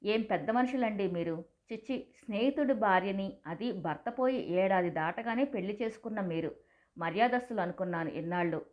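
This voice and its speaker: A grown son boils over with rage, his speech loud, harsh and full of scorn, as a woman storyteller puts him on. The sound is a touch dull and lo-fi. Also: mid-range voice, fairly quick, lightly acted. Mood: furious, scornful. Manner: shouting, accusing.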